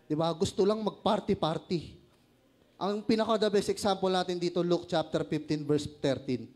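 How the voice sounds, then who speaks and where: A man's voice: high voice, moderate pace, darkish tone. A man with a Filipino accent preaching a sermon, joking, laughing at his own stories and asking the congregation questions.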